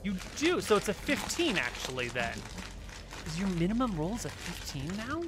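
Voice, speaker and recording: A man acting as game master, narrating a tabletop game in a playful, animated way. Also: high voice, normal speed, noisy background.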